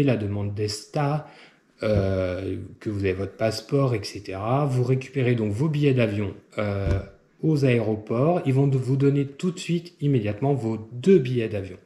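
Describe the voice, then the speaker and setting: Man, casual travel vlogger, mellow tone, hesitant, echoey room. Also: medium pitch. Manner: hesitant, many filler sounds, step-by-step advice. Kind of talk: casual explanatory travel guide. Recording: roomy echo.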